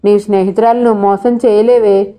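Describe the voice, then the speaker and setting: A woman's voice: medium pitch, fairly even intonation, brisk, warm tone, smooth, lightly acted. A woman reading as a teasing young college girl. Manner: teasing, coaxing.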